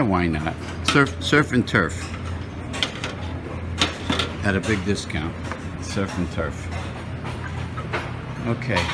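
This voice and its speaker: A man's voice: on the low side, noisy background. A man filming a casual walk-through of a restaurant buffet on his phone, chatting and muttering to himself as he picks food. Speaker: vlogger. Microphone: handheld phone.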